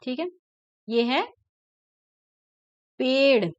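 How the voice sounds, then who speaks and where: Woman teacher, patient and repetitive, fairly high voice, lo-fi dry sound. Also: dry recording. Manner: patient, repeats words slowly and checks in with "ठीक है ना". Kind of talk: classroom lesson explaining a textbook.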